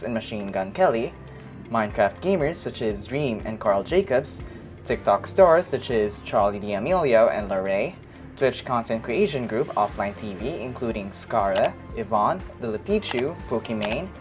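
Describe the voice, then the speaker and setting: Woman, documentary narrator, very low pitch, formal scripted reading, music behind. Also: darkish tone.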